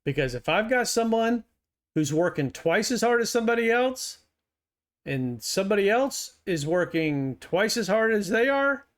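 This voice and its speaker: Man, middle-aged, high-pitched, sarcastic, heated reaction commentary. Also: big pitch swings, normal speed. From United States. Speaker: reaction video host.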